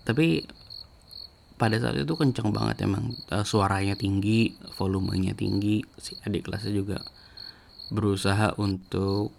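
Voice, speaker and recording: A man's voice: on the low side, gravelly, slight background noise. A man casually telling a story from his school days, rambling with restarts. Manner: rambling, with many restarts and fillers.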